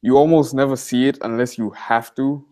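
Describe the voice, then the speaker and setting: A man's voice: medium pitch, moderate pace. An eighteen-year-old man from Malawi, a college student, talking casually as an interview guest over a video call from a library study room, with lots of "like" and "you know.". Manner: relaxed, conversational, many fillers like "like" and "you know".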